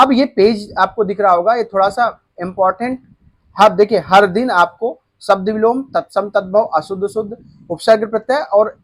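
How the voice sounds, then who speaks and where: A young man who teaches an exam-prep lesson, often repeating answers and asking students whether they follow. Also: high-pitched. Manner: explains answers by repeating them and checking in with students.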